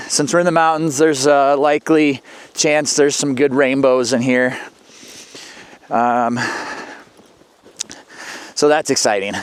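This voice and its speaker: A man's voice: a little high, clear, resonant tone. A man narrating a casual fishing vlog, talking outdoors in the wind. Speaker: fishing vlogger. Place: outdoors on a frozen mountain lake.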